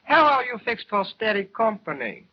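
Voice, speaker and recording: A man's voice: high-pitched, sing-song, normal speed, slightly rough, heavily acted. A cheeky ventriloquist dummy, as a man voices it. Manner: fresh, teasing. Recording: muffled 1929 film soundtrack. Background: loud music.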